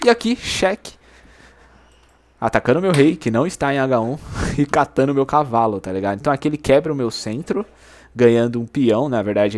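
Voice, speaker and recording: A man talking through his own chess game in slangy, animated commentary, often exclaiming at the moves. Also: mid-range voice. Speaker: chess YouTuber.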